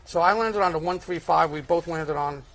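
A man's voice: fairly high pitch, moderate pace, fairly bright tone, poor audio. A man with a Brooklyn accent giving conversational horse racing analysis and picks as a handicapper. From Brooklyn, United States.

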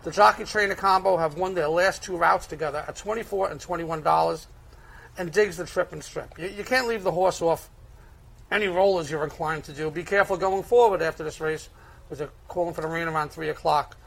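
High-pitched, creaky Brooklyn man analyzing races. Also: brisk, a bit bright. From Brooklyn, United States. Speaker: horse racing handicapper. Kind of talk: conversational race analysis and picks.

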